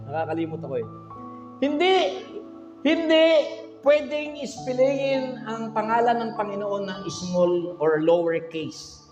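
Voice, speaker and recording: Very high-voiced male preacher. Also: expressive, normal speed, hardly any pauses, over music. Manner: teaching, spells out letters, quizzes the congregation. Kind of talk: livestreamed sermon. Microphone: handheld microphone. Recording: echoey hall, dull lo-fi sound.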